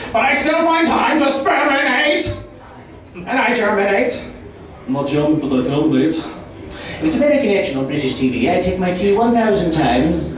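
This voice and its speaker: Theatrical man's comedy rant in a very echoey room. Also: high-pitched. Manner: rambling chained wordplay and rhymes, theatrical. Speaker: stand-up comedian. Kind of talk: escalating stand-up comedy rant. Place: live stand-up venue. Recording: very echoey room, distant mic, clear noise.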